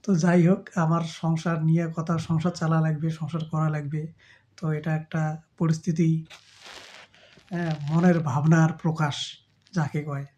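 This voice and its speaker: A man with a Rajbongshi accent speaking slowly and humbly in a casual chat, explaining his feelings before trying to sing a song. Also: on the high side, level tone, warm tone. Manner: slow, reflective, humble talk in a rural dialect. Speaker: amateur singer. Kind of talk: casual spoken introduction before singing.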